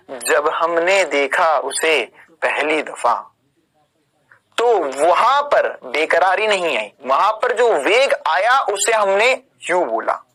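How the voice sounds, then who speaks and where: This rough recording captures a high, sharp-toned male physics teacher in an online exam-prep class. Informal and emphatic, he checks in through repeated tag questions, calls his students kids and brother ("beta," "bhaiya"), and slips in lighthearted jokes mid-explanation.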